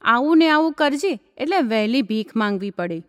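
Woman voicing a nagging storybook mother, sharp tongue, high voice, long hall echo. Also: expressive, normal speed, close to an everyday voice. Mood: scolding. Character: scolding middle-aged mother of the house.

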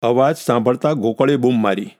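A man calmly narrating a village short story in a measured reading voice. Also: mid-range voice.

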